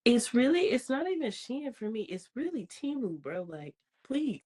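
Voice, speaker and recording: A woman's voice: on the high side, very animated, normal speed, dark tone, husky. A young woman co-hosting a podcast in casual chat, teasing in a dry, matter-of-fact way. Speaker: podcast co-host.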